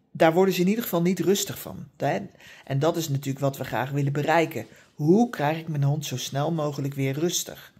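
A woman who specialises in dog behaviour gives calm, patient training advice, with many fillers and frequent tag questions. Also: low-pitched, breathy edge. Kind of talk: explanatory advice talk.

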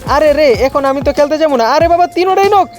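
Guy doing funny game commentary, fast and high, yelling at teammates, bit of music underneath. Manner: excited, teasing, yelling at teammates. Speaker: gamer. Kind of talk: comic gameplay commentary.

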